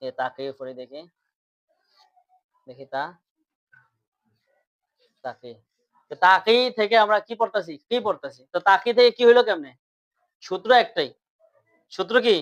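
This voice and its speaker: A man's voice: high-pitched, a bit bright, no room sound, highs cut off. A man teaching grammar in class, repeating points and quizzing his students questions.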